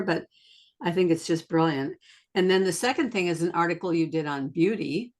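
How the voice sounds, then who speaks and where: A woman hosting a conversational interview with a low-pitched voice. She talks in an effusive, enthusiastic way, full of praise and eager questions. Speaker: podcast host.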